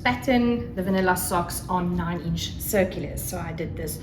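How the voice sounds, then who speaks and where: Hosting her solo craft podcast, a South African woman whose first language is Afrikaans chats casually and gushingly, vlog style, in a fairly low voice at a moderate pace. The room echoes, and a fire crackles over faint background noise.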